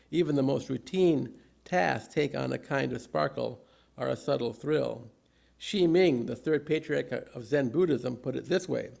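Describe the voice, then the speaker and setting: An older man with a gravelly, creaky voice delivers a humorous sermon, telling anecdotes from notes in measured, deliberate phrases. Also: medium pitch, a little mellow. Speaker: preacher.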